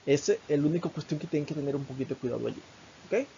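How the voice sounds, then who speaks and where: Gravelly Venezuelan man teaching English. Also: fairly high pitch, warm tone, muffled recording, slight background noise. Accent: Venezuelan Spanish. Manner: slow, careful modeling of English phrases. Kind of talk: recorded online lesson.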